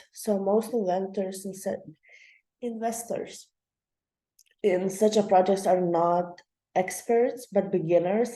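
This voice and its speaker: A woman's voice: mid-range voice, warm tone. Chatty woman host in an echoey room. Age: young adult. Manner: chatty, loose, many fillers and laughs. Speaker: channel host. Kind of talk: casual explainer talk.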